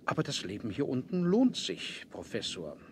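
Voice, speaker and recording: Proud, commanding Captain Nemo, lively delivery. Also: male voice, medium pitch. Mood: calm, commanding. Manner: measured, commanding, formal. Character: proud, defiant submarine captain, coolly courteous. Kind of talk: 1970s adventure radio play acting. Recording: noisy 1970s vinyl audio drama.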